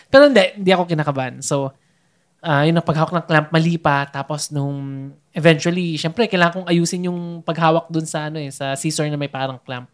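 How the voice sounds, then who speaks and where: A man's voice: fairly high pitch, brisk. A young man in casual chat, recounting a birth as a meandering storyteller who searches for his words. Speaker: new father recounting a birth.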